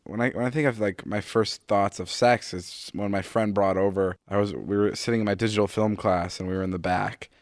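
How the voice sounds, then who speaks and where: A podcast co-host in his twenties rambles through stories in casual chat, packing in "like" and plenty of swearing. He speaks a little fast in a lowish, steady voice with few pauses, recorded at studio quality without room sound.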